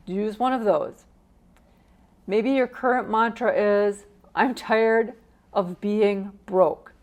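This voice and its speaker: A middle-aged woman giving a casual, encouraging motivational talk to camera, acting out the phrases she quotes with gusto. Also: mid-range voice. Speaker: personal finance vlogger.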